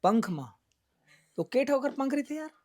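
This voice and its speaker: A woman interviewer with a Chhattisgarhi accent speaks in an easy, conversational way. She patiently coaxes a shy child, repeating simple instructions in a gentle voice. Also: sits high, big pitch swings, brisk. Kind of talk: casual street interview.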